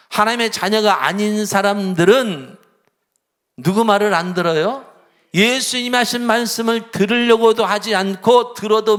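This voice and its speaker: Gravelly-voiced Korean pastor preaching. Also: male voice, sits high, a bit bright. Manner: preaching with rhetorical questions to the congregation; acts out pleading and scolding voices within the sermon. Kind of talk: sermon.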